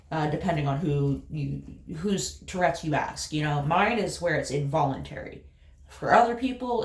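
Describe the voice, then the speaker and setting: A woman with an Appalachian accent chats casually while doing her makeup, rambling through a story full of fillers and laughter. Her voice sits fairly low, and the sound is roomy. She's a vlogger.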